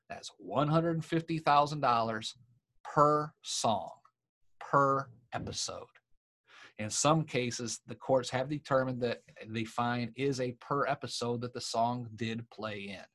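A man's voice: mid-range voice, fairly bright tone. A man hosting his own podcast, teaching in an emphatic style full of rhetorical questions. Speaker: podcast host and podcast coach. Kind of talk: teaching monologue.

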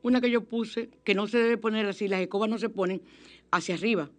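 A woman radio host, giving spiritual self-help advice in a chatty, expressive way with sudden exclamations. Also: medium pitch, brisk. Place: radio studio.

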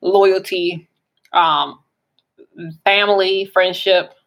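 A woman's voice: medium pitch, fairly even intonation, drawn-out words, fairly bright tone. A woman co-hosting a casual parenting podcast, talking earnestly with many fillers. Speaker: co-host.

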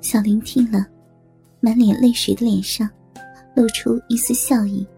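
A woman narrating a serialized story in a steady, dramatic storytelling manner. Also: on the high side, a little slow, creaky, faint music behind.

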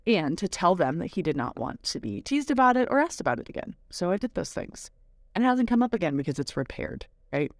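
A woman's voice: deep voice, darkish tone, no room sound, clean studio sound. A woman hosting a parenting podcast, telling a personal story in a candid, reflective, casual way.

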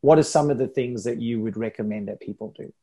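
A male podcast host with a dark, mellow tone and a husky grain. He asks his guest questions in a calm, measured way, with his pitch in a middle range. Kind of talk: conversational podcast interview.

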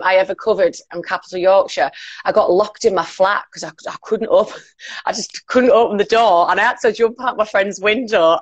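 A woman in her late twenties with a Northern English accent, her voice mid-range and free of echo. She's a radio presenter appearing as a guest, chatting casually and sharing anecdotes.

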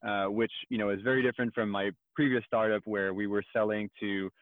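A man with a light French accent, a startup co-founder giving a measured, explanatory podcast interview. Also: on the low side, little pitch movement, no room sound. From France. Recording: tinny phone-like remote line.

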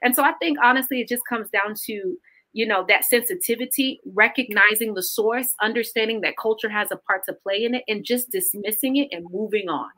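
Bright, emphatic woman guest; earnest, animated faith conversation. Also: fairly high pitch, fairly quick. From Caribbean roots. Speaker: podcast guest. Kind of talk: casual faith talk.

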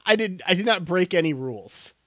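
A man's voice: high-pitched, lively intonation, brisk, a bit bright. A man co-hosting a podcast who also runs tabletop games, chatting casually and telling stories playfully. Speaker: podcast co-host, game master. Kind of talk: casual chat.

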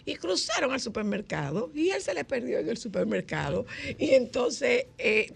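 A woman with a Dominican accent, hosting a casual chat and telling lively stories, acting out the dialogue. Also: medium pitch, gravelly, husky. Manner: lively storyteller, acts out dialogue.

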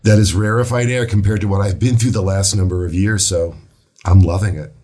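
A man, an author being interviewed as a guest, telling his story in a reflective, measured way. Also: low voice, fairly even intonation, dark tone, husky. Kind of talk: casual interview.

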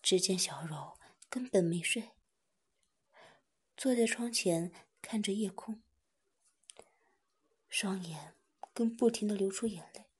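A woman narrating a story in a soft, hushed whisper. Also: medium pitch, slow pace, pauses often, breathy edge.

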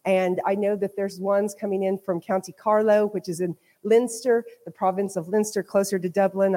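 A woman from Oklahoma with an American accent and a medium-pitched, darkish voice preaches to a church congregation as a visiting speaker. Her informal sermon mixes personal testimony with conversational, rolling repetition of phrases.

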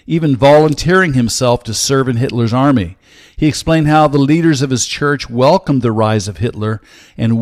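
Older man hosting a show, earnest teaching tone, steady measured delivery with pauses, dry close mic. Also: medium pitch, no echo. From United States. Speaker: host, Bible teacher. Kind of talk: teaching monologue with personal story.

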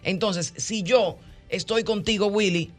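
A woman hosting a radio talk show, explaining with animated role-played examples. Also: mid-range voice, unhurried, faint music behind. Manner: animated, acts out callers' voices, teasing.

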